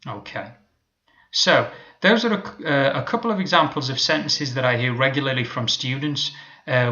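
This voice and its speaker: A man teaching an English lesson, explaining patiently and modelling example sentences slowly. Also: mid-range voice, sharp tone, highs cut off.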